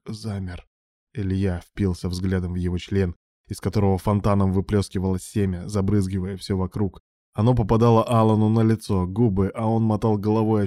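A man narrating a story as an audiobook in a steady, even reading voice. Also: deep voice, no room sound, clean studio sound.

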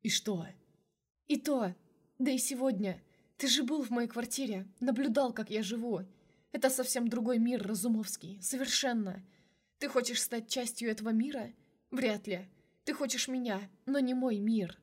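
A woman's voice: fairly high pitch, moderate pace, husky. A woman voicing a hurt young woman in an audiobook, speaking sharply and indignantly through tears. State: tearful.

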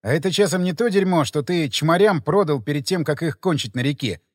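An angry, blunt fighter in an audiobook, as a man puts him on, curt and hostile. His voice is fairly high and moves a lot in pitch. A long reverb lingers behind it. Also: lively intonation, a little fast, clean studio sound.

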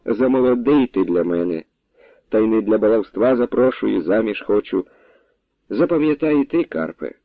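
A man's voice: on the low side, animated, normal speed, no echo. A man voicing a forthright young village woman. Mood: frank. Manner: direct, homely, plain-spoken. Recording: dry, tinny phone-like sound.

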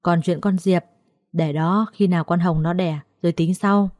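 A woman voicing an older, strict matriarch who speaks curtly and flatly. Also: lowish voice, moderate pace, no room sound, clean studio sound, close to an everyday voice. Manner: flat, curt.

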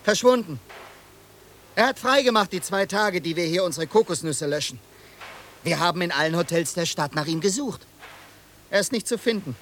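In a 1990s German radio play, a male actor portrays a resolute ship's helmsman barking brisk orders in a clipped, commanding manner. His voice is high-pitched and slightly bright, with lively intonation, normal speed, and long pauses, plus a little hiss or hum on the recording.

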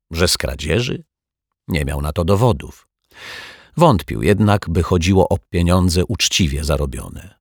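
A man reads a children's story aloud at a slow, unhurried pace. His voice is very low and gravelly, with a husky edge, recorded close in a dry space. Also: no room sound. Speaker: narrator. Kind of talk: audiobook reading for children.

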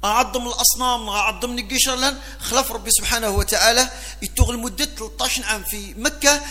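A man's voice: extremely high pitch, quick pace, bright, forceful tone. A man with a North African accent teaching a religious lesson as a mosque preacher, switching between Arabic and local vernacular. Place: large mosque hall. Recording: long hall reverb.

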